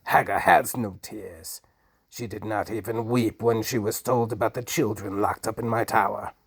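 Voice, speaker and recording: A man's voice: fairly low pitch, steady tone, normal speed, gravelly, husky, dry recording. Man playing a snarling, screaming cold duke. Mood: cold menace. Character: cruel, cold old male duke villain.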